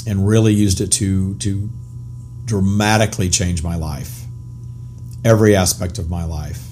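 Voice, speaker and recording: A middle-aged man hosting a podcast monologue as a spiritual coach, his voice hoarse, raspy and whispery, as if nearly lost. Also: low voice, fairly even intonation, measured pace, darkish tone, slight background noise. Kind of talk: informal motivational monologue.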